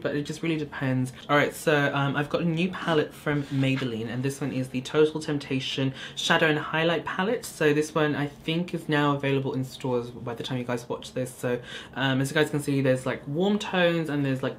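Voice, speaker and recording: A young beauty vlogger from Hong Kong, his voice mid-range, chats casually with viewers while doing his makeup in a get-ready-with-me video. He fills his talk with lots of "ums" and "likes," recording in a small indoor studio corner with slight background noise.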